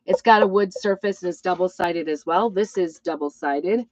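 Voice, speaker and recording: A middle-aged woman with a hoarse, weakened voice from a hacking cough, rambling apologetically as she hosts a casual live craft demo. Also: fairly low pitch, moderate pace, dry recording, dull audio. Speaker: craft host and crafting product seller.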